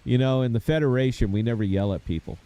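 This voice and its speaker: A man's voice: medium pitch, fast, dark tone, smooth. A man, chatting casually to viewers while he plays a game. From United States. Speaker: game streamer. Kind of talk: casual gameplay commentary.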